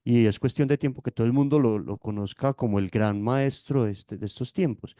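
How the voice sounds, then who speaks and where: A man, a yoga teacher, explaining at length in an interview and often checking in with his listener with a quick tag question. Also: medium pitch, mellow, no room sound, clean studio sound.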